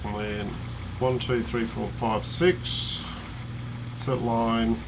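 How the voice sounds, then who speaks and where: A man's voice: medium pitch, little pitch movement, slow, background noise. Australian man muttering through gameplay. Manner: thinking aloud, counting under his breath. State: losing his voice. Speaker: let's play host. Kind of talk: casual gameplay commentary.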